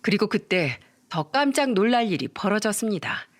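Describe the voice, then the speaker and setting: A woman narrates a dramatic family story in the first person. She tells it in an expressive, emotive storytelling voice. It is a story read for an online radio channel. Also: medium pitch, moderate pace, dry recording.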